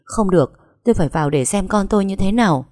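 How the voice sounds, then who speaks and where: Một người phụ nữ đọc truyện lồng tiếng một bà mẹ lớn tuổi đang hoảng loạn, gào hỏi dồn dập. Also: female voice, medium pitch, expressive, fast, darkish tone, no echo, studio quality, voice pushed up, natural voice. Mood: frantic. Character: frantic older mother, shrill and desperate.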